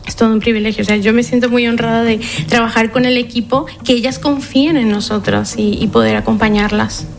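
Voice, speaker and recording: A woman's voice: fairly high pitch, steady tone, fairly quick, gravelly, a little hiss or hum. A woman from Colombia, a director answering interview questions in a heartfelt, modest way.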